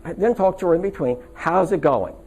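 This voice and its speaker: A man leads a live stress-relief seminar with a lively voice that rises and falls widely. He pitches a little higher than most men and keeps it chatty, full of stories and quick check-ins with the room. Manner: chatty, anecdotal, asks the audience for agreement. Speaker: stress workshop teacher. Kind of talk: casual live seminar talk.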